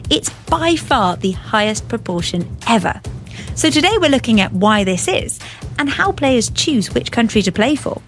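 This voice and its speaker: A woman hosting a news explainer, speaking in a clear, conversational way. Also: fairly high pitch, very animated, moderate pace, over music. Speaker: host.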